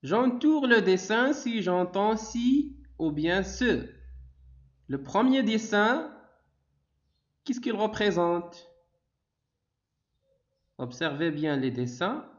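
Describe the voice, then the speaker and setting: A male teacher with a Moroccan accent speaks in a high, bouncing voice, stretching every word very slowly. He guides young children through a phonics lesson and keeps praising them. The sound is dull and lo-fi. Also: big pitch swings. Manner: drawn-out, sing-song delivery with frequent praise. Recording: dull, lo-fi recording.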